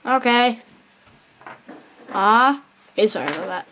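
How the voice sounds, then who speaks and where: Rambling high-voiced female gamer. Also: animated, slow pace, fairly bright tone, a little hiss or hum. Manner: rambling, mumbled, keeps correcting herself. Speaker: gameplay video maker. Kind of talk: casual gameplay commentary.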